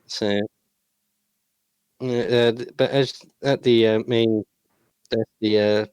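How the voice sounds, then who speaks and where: A man running a tabletop session, describing scenes in a loose, rambling way full of filler words. His voice sits at an ordinary middle pitch and sounds dry and close to the mic, with no room around it. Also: little pitch movement, takes it slowly, darkish tone, smooth, dry recording. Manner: rambling, full of uh and you know. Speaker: game master. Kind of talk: narrating a tabletop game.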